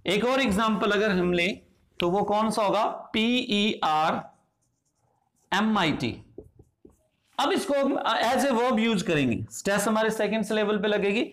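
A man with an Indian accent teaching English phonetics. He goes slowly and deliberately, asking questions and answering them himself. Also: high voice, lively intonation, a bit bright. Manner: slow, deliberate, asks and answers his own questions. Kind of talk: classroom-style lesson explanation.

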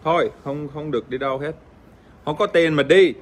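Joking Australian man with halting vietnamese. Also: a little high. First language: English. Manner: crude, joking, swears playfully, halting with fillers. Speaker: livestream host. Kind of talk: casual livestream chat reading fan comments.

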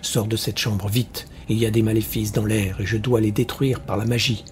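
A man's voice: lowish voice, level tone, moderate pace, slight background noise, close to an everyday voice. A man voicing an arrogant, scheming prince in an audiobook fantasy tale, speaking scornfully and commandingly. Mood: urgent.

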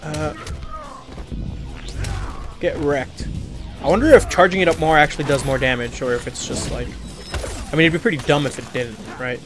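A man's voice: fairly high pitch, moderate pace, long pauses. A young man giving casual commentary on a fighting game as he plays it, reacting with groans and muttered remarks at every setback. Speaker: let's play gamer. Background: game music and sound effects.

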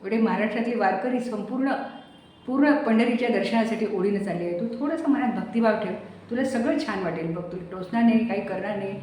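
A woman plays a devout, patient woman who urges and gently scolds her friend. The voice is heard from some distance in a room with strong echo. A faint hiss sits behind it. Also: mid-range voice, quick pace, natural voice. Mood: coaxing. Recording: very echoey room, distant mic, faint noise.

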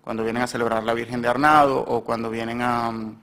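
Speaking fairly quickly in a level, medium-pitched voice with a slightly bright edge, a man from Spain presents his research at a symposium. In the university seminar room he rambles hesitantly and keeps correcting himself.

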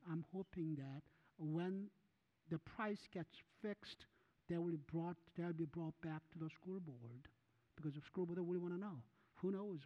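A man's voice: on the high side, in a large hall, lo-fi sound. A middle-aged man and school board member speaking carefully and methodically at a desk microphone in a large meeting room. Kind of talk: formal board meeting remarks. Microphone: desk gooseneck microphone.

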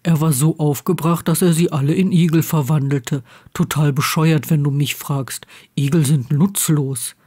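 A woman's voice: sits low, steady tone, normal speed, few pauses, warm tone, breathy edge. A woman doing Ron, a blunt teenage boy. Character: teenage boy wizard friend, blunt and stubborn.

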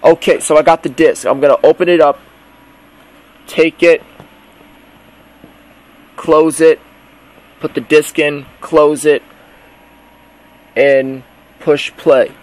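A man's voice: on the high side, fairly even intonation, takes it slowly, pauses often, darkish tone. A man rambling through a casual pretend-play narration, describing each step aloud as he goes. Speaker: video creator.

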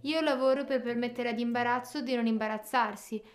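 A woman's voice: a little high, fairly even intonation, a little fast, lightly acted. A woman voicing an awkward cringe emotion in a comedy sketch, explaining things in a matter-of-fact way. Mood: fussy.

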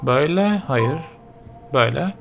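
A man's voice: medium pitch, lively intonation, unhurried, gravelly, background noise. A man commentating a horror video game, nervous and muttering to himself as he plays. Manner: jittery, mutters to himself while playing. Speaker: let's play gamer.

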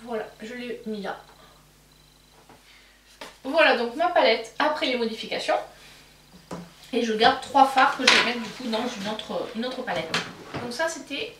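A beauty vlogger with a higher, somewhat bright voice talks a little slowly and pauses often while casually going over a makeup haul, teasing herself and filling gaps with fillers. She's recorded in a roomy space a bit away from the mic, with slight background noise.

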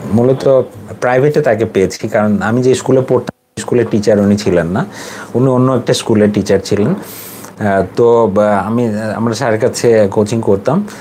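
A man in his forties with a Bangladeshi accent, an English teacher talking casually to his students, reflective and halting, with many fillers. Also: lowish voice, dark tone, slight background noise. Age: 40s.

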